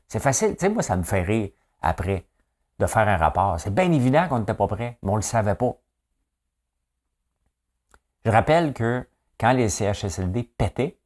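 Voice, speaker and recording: With a low-pitched, somewhat dark voice and a Québécois French accent, this man hosts a daily news chat. His commentary is casual, blunt and opinionated, with a joking edge.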